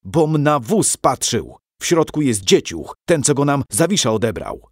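A man's voice: mid-range voice, big pitch swings, a little slow, slightly rough, no echo, studio quality, pitched above the performer's own voice. A man voicing a sly, cowardly thief who whines and pleads. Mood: pleading. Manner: whining, pleading.

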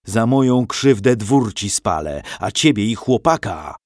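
A man's voice: lowish voice, lively intonation, a little slow, darkish tone, dry recording, studio quality. A man voicing a scornful outlawed nobleman, a gloating villain who makes mocking threats.

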